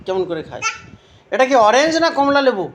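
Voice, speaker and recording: A woman playing with her toddler at home, asking simple questions again and again and gently scolding with tutting sounds. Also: fairly high pitch, big pitch swings, brisk, a little hiss or hum. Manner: repeats simple questions over and over. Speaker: parent filming her toddler. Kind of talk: playful coaxing talk to a toddler.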